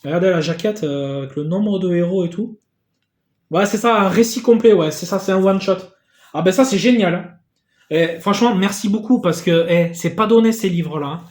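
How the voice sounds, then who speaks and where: A man in a casual unboxing vlog who gets excitable, swears casually and thanks the sender again and again. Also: high voice, reverberant. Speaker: YouTuber opening a gift parcel.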